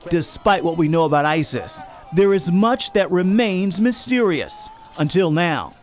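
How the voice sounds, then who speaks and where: A man reading a scripted news voice-over in a dramatic, measured way. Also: sits high, lively intonation, a faint crowd. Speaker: news narrator.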